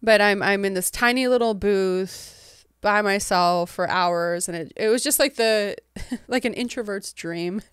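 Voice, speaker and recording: Speaking a little slowly in a clear, resonant, medium-pitched voice, a woman in her thirties is interviewed casually as a guest author. She's from England but has an American accent, and she's soft-spoken, laughing a lot and drifting off mid-thought. The recording is dry and of studio quality.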